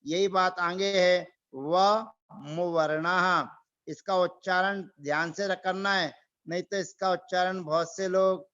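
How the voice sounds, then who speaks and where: A man teaching a Sanskrit grammar class online, reciting rules slowly and repeating them for the students. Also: high voice, a bit bright, dull audio. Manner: slow, repeats rules and drills pronunciation.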